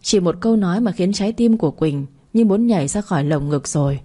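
Flustered young woman florist, protesting, low mellow voice, audiobook romance, read by a woman. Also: expressive, brisk, breathy edge.

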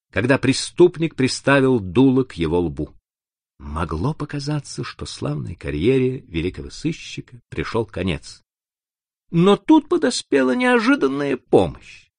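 A man narrating an adventure audiobook in an expressive, dramatic reading. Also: mid-range voice, no echo.

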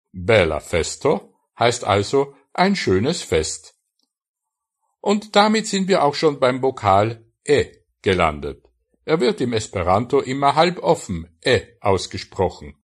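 A man's voice: medium pitch, husky. A man giving a scripted audio language lesson, carefully enunciating single words one by one and then translating each. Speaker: language teacher.

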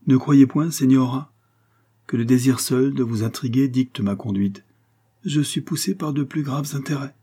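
Un homme jouant un cadet mystérieux et taquin. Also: male voice, medium pitch, normal speed, dark tone, slightly rough, voice pushed up. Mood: teasing. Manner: insinuating, playful, secretive. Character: mysterious young male guard cadet, teasing.

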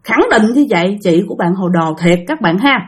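A woman's voice: mid-range voice, lively intonation, a little fast. A woman with a Southern Vietnamese accent narrating a story, chatting directly with her listeners.

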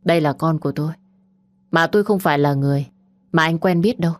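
A woman voicing a gentle, guarded young mother in an audio story. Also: low-pitched, quick pace, no echo, lightly acted. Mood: tender.

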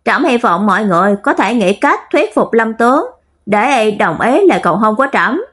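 A woman's voice: fairly high pitch, sing-song, moderate pace, a bit bright, breathy edge, exaggerated voice. A woman voicing a young male emperor who speaks in solemn, formal court language. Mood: earnest.

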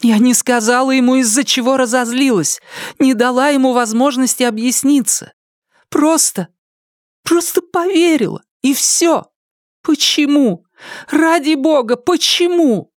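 A man reading an audiobook, voicing a distraught, shame-stricken woman in high, strained cries. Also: takes it slowly, a little mellow, husky, no echo, clean studio sound, full character voice. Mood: anguished. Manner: anguished, crying out, with high strained pitch. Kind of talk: audiobook character voice.

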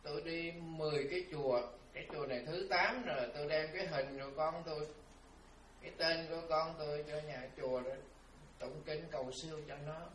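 A tearful, stubborn old mother who pleads plaintively, as a male preacher puts her on. The voice sits a bit high and comes from far off in a roomy, echoing space. A faint hiss runs underneath. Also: fairly even intonation, fairly quick, fairly bright tone, lightly acted. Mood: pleading.

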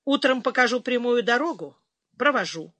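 A woman reader voicing a lonely man who lives alone in the wild, speaking tersely and calmly. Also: fairly high pitch, normal speed, no echo. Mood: curt. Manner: terse, calm.

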